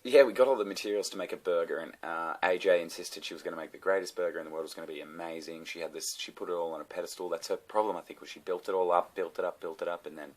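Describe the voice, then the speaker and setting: A man's voice: sits low, fairly even intonation, rapid-fire, few pauses. A young Australian man ranting casually and profanely to camera, rambling through sardonic asides. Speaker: comedian vlogger.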